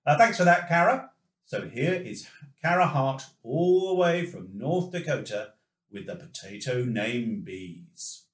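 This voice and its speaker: A man co-hosting a podcast, asking questions in a lively way. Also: medium pitch, unhurried, reverberant. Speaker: podcast co-host. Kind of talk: casual podcast interview.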